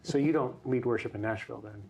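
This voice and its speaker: A man co-hosting a podcast, throwing in quick joking asides in a casual chat. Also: mid-range voice, vocal fry, a little mellow, a little hiss or hum, rough recording. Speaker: podcast co-host.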